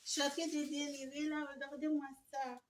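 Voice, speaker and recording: A woman's voice: high-pitched, fairly quick, background noise. Gushing young woman. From Canada. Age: 20s. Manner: excited, gushing, many fillers. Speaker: home decor vlogger. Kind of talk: casual haul video. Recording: echoey room, mic at a distance.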